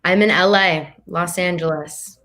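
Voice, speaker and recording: Bright-voiced teenage girl, easygoing. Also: on the low side, steady tone, a little slow. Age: teens. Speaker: actress, guest. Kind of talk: casual roundtable chat.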